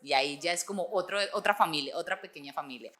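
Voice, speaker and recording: A Colombian woman in her twenties, a football fan and dance teacher, speaks expressively in a documentary interview with a Colombian Spanish accent. Her voice sits low, and she talks fast with a somewhat bright tone.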